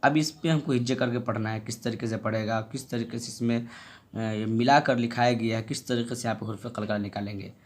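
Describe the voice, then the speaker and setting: A man teaching reading in a slow, patient way, sounding out syllables clearly and repeating them for learners. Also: mid-range voice, fairly even intonation. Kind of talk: slow tutorial with drills.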